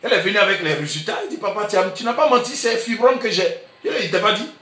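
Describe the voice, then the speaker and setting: A male pastor with an Ivorian French accent, preaching emphatically and repeating himself, sometimes breaking into shouts. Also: high-pitched, lively intonation, very fast, far from the mic, faint music behind. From Côte d'Ivoire. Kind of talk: sermon. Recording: echoey room, voice from afar.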